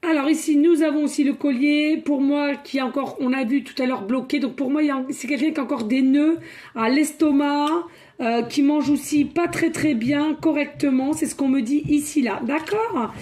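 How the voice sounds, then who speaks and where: A woman doing a spiritual card reading, excitable and thinking out loud as she draws cards. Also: sits high, normal speed. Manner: excitable, thinks aloud, breaks into song. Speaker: tarot card reader.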